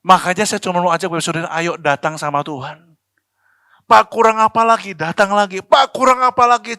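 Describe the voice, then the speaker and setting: A man's voice: very high-pitched, pushed and bright, no room sound, clean studio sound. A man preaching a sermon as pastor, talking in a chatty, slangy way and asking the congregation questions. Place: church.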